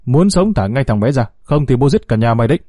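A man's voice: medium pitch, animated, quick pace, dry recording, studio quality, lightly acted. A man voicing a domineering village father who hurls insults and threats at his wife and the kidnappers. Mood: furious. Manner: shouting insults, hissing threats. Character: hot-tempered domineering father, coarse and threatening.

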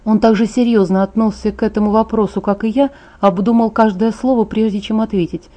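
A woman reads a novel aloud in the first person with a soft, mellow voice. She keeps a calm, even, unhurried pace as she tells the story. Her pitch sits in an ordinary middle range. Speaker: audiobook narrator.

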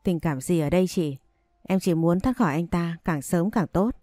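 A woman's voice: lowish voice, moderate pace, mellow, no echo, studio quality, lightly acted. A woman reading the lines of a troubled, guarded young woman in an audio story. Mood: resigned.

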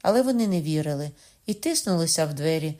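A woman reads a novel aloud in the first person, expressive and lively. Her natural voice sits a little low, and her pitch springs up when the story turns excited. The reading is steady and measured between those bursts. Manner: lively, rising high when quoting excited speech. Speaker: audiobook narrator.

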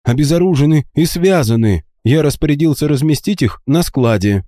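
A man voicing a small green-skinned goblin quartermaster who shouts with excited, servile eagerness. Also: a little high, moderate pace, no room sound, studio quality, pitched above the performer's own voice, close to an everyday voice.

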